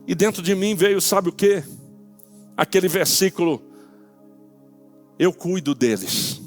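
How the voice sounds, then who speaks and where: A man with a Brazilian Portuguese accent preaching a sermon as pastor in a church, impassioned, speaking straight to his listeners and rising to shouted peaks. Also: sits high. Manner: addresses listeners directly.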